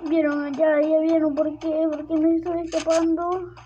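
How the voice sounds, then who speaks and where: A young girl giving casual gameplay commentary as she plays, excitable and prone to squealing with surprise. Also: extremely high pitch, moderate pace. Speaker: gameplay video host. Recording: lo-fi recording with clear background noise.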